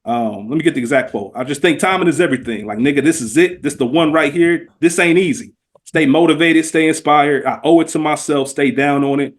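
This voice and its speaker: A middle-aged podcast guest tells stories in casual, slangy chat, hammering his points emphatically and repeating words along the way. His voice is fairly high and fairly quick.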